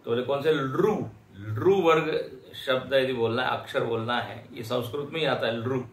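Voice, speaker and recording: A man teaching a lecture class, explaining slowly and patiently and sounding out syllables one by one. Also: mid-range voice. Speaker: Vedanta teacher. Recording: echoey lecture hall.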